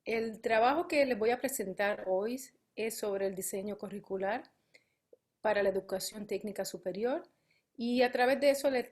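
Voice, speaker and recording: This is a conference talk by a woman, a college campus administrator on a panel, whether remote or on stage. Her medium-pitched voice is a little mellow, and her delivery is halting, with many fillers and self-corrections.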